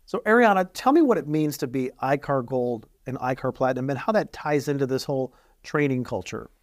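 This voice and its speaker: A middle-aged man hosts a podcast interview from a studio set, his voice mid-pitched and dry on a lapel mic. He reacts with upbeat enthusiasm and asks questions in turn. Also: animated, fairly quick, no echo. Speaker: podcast host.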